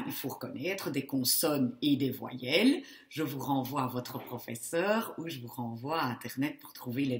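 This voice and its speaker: A woman teacher talking slowly and carefully through a spelling lesson. Her low voice swings widely in pitch as she leans on each example word. She explains things step by step. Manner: explains step by step, stresses Dutch example words; teaching in French, switching to Dutch for the example words. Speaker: Dutch language teacher.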